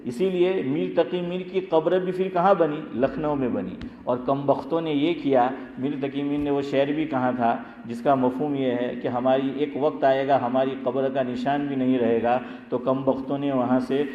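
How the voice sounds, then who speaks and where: A man's voice: mid-range voice, hardly any pauses. A male Islamic scholar giving a lecture, telling anecdotes and asking rhetorical questions that he answers himself. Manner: lively storyteller, rises sharply when telling jokes. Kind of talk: Urdu religious lecture with anecdotes. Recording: echoey hall, dull lo-fi sound.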